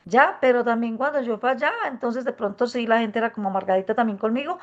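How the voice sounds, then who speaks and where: A woman, a workshop participant giving an earnest, reflective testimony, speaking softly and gently with many hesitant fillers. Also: on the high side, quick pace. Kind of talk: spontaneous testimony. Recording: muffled dull recording.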